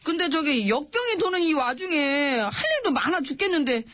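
A man's voice: very high voice, animated, brisk, bright, forceful tone, no room sound, heavily acted. A man playing a cheeky, talkative court underling in a comedy sketch, needling his king with questions.

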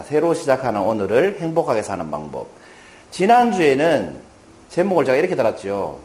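Speaking before a live crowd, a medium-pitched man delivers an animated motivational talk, weaving in stories and asking the audience questions.

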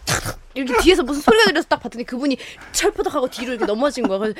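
A woman's voice: high-pitched, racing. A young woman, an actress, chatting on a talk show and telling funny stories with sudden shrieks. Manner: lively storytelling with sudden shrieks. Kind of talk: casual chat.

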